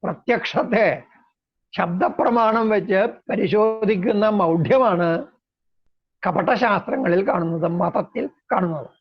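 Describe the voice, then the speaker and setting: A man lecturing on philosophy in a slow, measured way, explaining terms step by step. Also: sits high, breathy edge. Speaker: lecturer on Indian logic. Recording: dull lo-fi recording.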